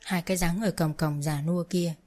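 Woman story narrator, lowish voice, steady plain read. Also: a little fast.

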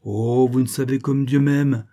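A man's voice: medium pitch, fairly even intonation, a little slow, warm tone, lightly acted. A man voicing a sly, wary male cat who teases with mock piety in a storybook reading. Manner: mock-pious, smug and teasing.

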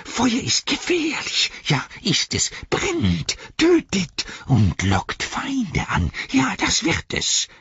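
A wretched creature's voice, wildly swooping and husky, hissing and shrieking in slow, drawn-out whines. He refers to himself by name and sounds greedy and miserable. The recording is dull and lo-fi. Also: high-pitched, huge pitch swings, bright, forceful tone, no echo, pitched above the performer's own voice, heavily acted. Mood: hissing alarm. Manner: hissing, shrieking, talks of himself in third person. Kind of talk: audiobook character voice.

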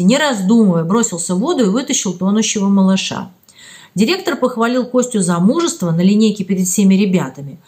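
A woman reads a children's story aloud as scripted narration. Her voice sits in a middle register and moves up and down a lot, lively and expressive. The delivery is that of a steady audiobook storyteller. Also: mid-range voice.

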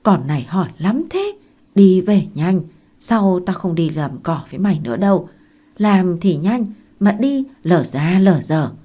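Gruff scolding old village granny, as a woman reader puts her on. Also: on the low side, big pitch swings, a little slow. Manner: scolding, coarse, loud.

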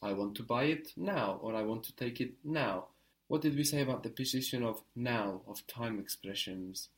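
A man teaching a language lesson, patiently explaining and drilling words slowly with a student. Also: mid-range voice.

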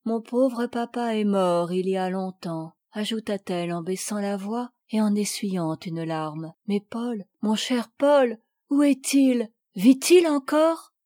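A woman's voice: mid-range voice, a little slow, few pauses, mellow, close to an everyday voice. A woman voicing an eager, affectionate young girl in a storybook, who speaks in a pleading way.

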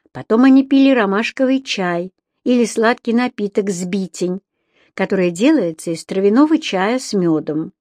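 A woman narrating a children's bedtime story in a slow, gentle way. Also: mid-range voice, no room sound, studio quality.

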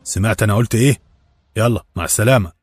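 A man voicing a harsh, domineering chief of palace servants who barks curt commands in a low, dry storybook reading. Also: rapid-fire, slightly rough, no room sound, faint music behind. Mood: furious.

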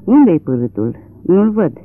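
Un bărbat care dă glas unui judecător bătrân și fragil, neliniștit și ezitant. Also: male voice, sits high, big pitch swings, no echo, pitched above the performer's own voice, full character voice. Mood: perplexed. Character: old, frail, troubled country judge. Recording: tinny lo-fi narrow-band recording.

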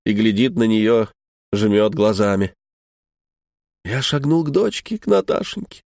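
A man reading a first-person story aloud with emotional, shifting delivery, often sinking to hushed tones. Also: lowish voice, animated, measured pace, gravelly, dry recording, clean studio sound. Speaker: story reader.

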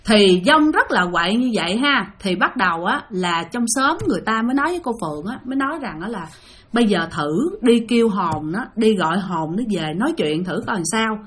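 Speaking briskly in a medium-pitched, fairly bright voice, a woman with a Southern Vietnamese accent shares listener-submitted ghost stories. She is expressive and chatty, addressing her audience directly.

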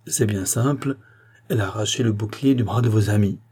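An earnest, urgent statesman, read by a man lays out his warnings point by point. The voice is mellow and a little husky, pitched slightly up and pressing. It sounds like a classic novel read aloud as an audiobook. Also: a little fast. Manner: urgent, explanatory pleading. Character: earnest male politician warning a queen.

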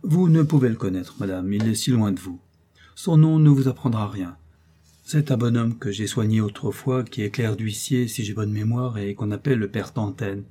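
A man voicing a scheming, smooth-talking doctor who feigns earnest candor, in an audiobook reading. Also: on the low side, normal speed, mellow, lightly acted. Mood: falsely earnest. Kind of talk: audiobook character voice.

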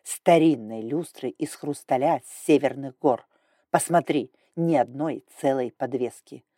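A woman's voice: extremely low pitch, unhurried, mellow, dry recording, studio quality, pitched below the performer's own voice. A woman reading an audiobook, voicing a stern, domineering male dragon lord with an icy, growling manner.

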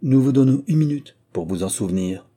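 A man's voice: medium pitch, lively intonation, fairly quick, mellow, slightly rough, voice pushed up. A man reading an audiobook, voicing a wry, authoritative police agent who speaks with dry irony. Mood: ironic.

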